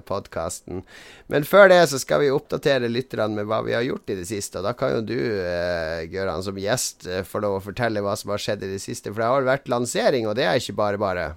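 A man's voice: medium pitch, clean tone, no echo. A man with a Northern Norwegian accent casually hosting a podcast. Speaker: podcast host.

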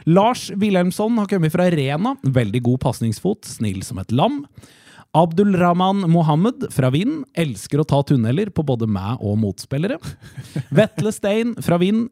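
A man's voice: a little high, very animated, mellow, no echo. A man hosting a casual football chat, reading out transfer news in a playful way with dry asides. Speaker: podcast host.

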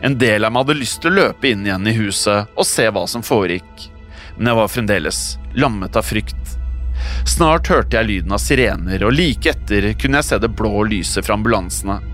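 A man with a fairly low voice reads a horror story in a steady, suspenseful way. Faint music plays softly behind his words. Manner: measured, suspenseful first-person telling. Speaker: podcast narrator. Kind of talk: scripted horror narration.

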